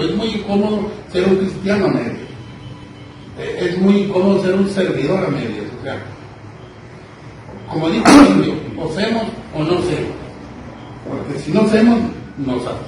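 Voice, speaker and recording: A man's voice: high-pitched, lively intonation, normal speed. A man preaching a sermon, telling the story with emphatic repetitions. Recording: echoey hall, distant mic, noisy.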